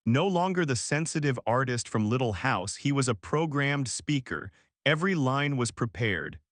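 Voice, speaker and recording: A man reading a scripted documentary narration in a measured, dramatic storytelling manner. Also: medium pitch, expressive, a bit bright, no room sound, clean studio sound.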